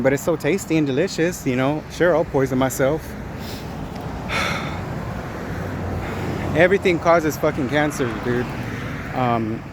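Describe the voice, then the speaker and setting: A man giving a casual, halting monologue to viewers, repeating himself and using loose slang as he walks outside. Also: medium pitch. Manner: informal slang with some swearing. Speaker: video diarist. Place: outdoors, walking along a street. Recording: noisy outdoor street with passing cars.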